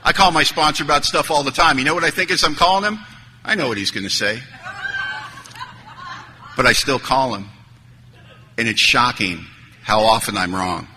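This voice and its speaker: Male speaker telling his recovery story on a stage mic, bright and forceful, in a reverberant hall. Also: mid-range voice, normal speed, pauses often. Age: 30s or older. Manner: earnest, storytelling, acts out dialogue. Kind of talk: recovery talk to an audience. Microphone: stage microphone. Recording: hall reverb, faint noise.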